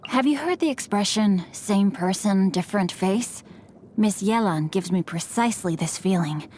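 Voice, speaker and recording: Faint noise sits behind a woman voicing a refined, courteous and playful young male scholar-knight for a game. Her mid-range voice is animated and lightly acted at a moderate pace, staying polite, composed, formal and gently teasing.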